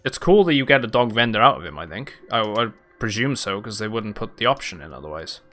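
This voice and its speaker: A man's voice: lowish voice, sing-song, fast, bright, forceful tone. A man giving casual let's play commentary, thinking aloud as he plays. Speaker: gaming YouTuber.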